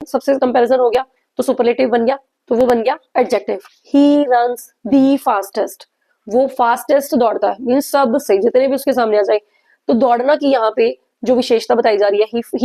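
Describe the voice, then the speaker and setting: Woman teaching grammar, mellow tone. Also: on the high side. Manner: slow, deliberate when reading English examples aloud; addresses viewers directly, asks them to answer. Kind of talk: explanatory grammar lesson.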